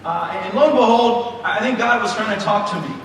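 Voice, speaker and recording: This preacher, in his thirties, speaks fairly quickly in a high, slightly bright voice. He shares a personal story filled with fillers and restarts during a sermon in a large church hall. It's recorded from far off in an echoey space with a little hiss or hum.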